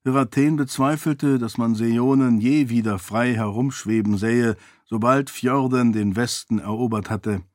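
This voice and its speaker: A man's voice: mid-range voice, measured pace, hardly any pauses, a little mellow, dry recording, studio quality. Man narrating a fantasy audiobook.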